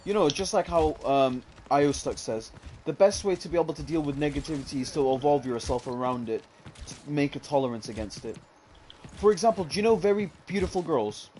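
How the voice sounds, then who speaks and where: Young man, higher voice, rambling casual storyteller, faint hiss behind. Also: brisk, darkish tone. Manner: rambling, fillers like "what's it called", says "bro". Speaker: gamer telling a story.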